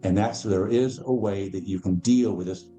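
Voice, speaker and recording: A man's voice: lowish voice, normal speed, dark tone, soft background music. A man, a podcast guest and financial educator, explaining in a casual interview, emphatic and acting out the people in his stories. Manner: emphatic storyteller, acts out quoted voices.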